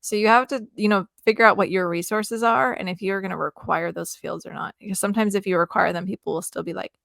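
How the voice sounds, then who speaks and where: A woman's voice: mid-range voice, fast, creaky, fairly bright tone, dry recording, clean studio sound. A woman co-hosting a podcast, chatting casually, hesitant with fillers and easy laughs. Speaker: podcast co-host.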